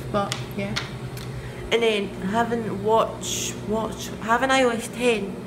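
A young adult woman chatting casually and informally to her vlog viewers, rambling and asking herself questions as she goes. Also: medium pitch. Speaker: vlogger. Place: indoor rooms, echoing. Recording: echoey room with loud background noise.

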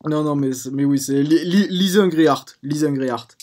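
A man's voice: on the high side, normal speed, darkish tone, a little hiss or hum. A man hosting a live stream, chatting casually and drifting into digressions. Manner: rambling, prone to digressions. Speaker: streamer host.

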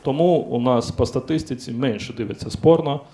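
A man's voice: mid-range voice, brisk, dark tone. Crude, blunt stand-up comic man. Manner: crude, blunt punchlines with acted-out dialogue. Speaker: stand-up comedian. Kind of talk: stand-up comedy set. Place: comedy stage in front of a live audience. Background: background music track.

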